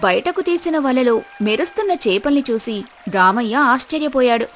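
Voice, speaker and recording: A woman narrating a cartoon story in a steady storytelling manner. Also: sits high, normal speed, soft background music.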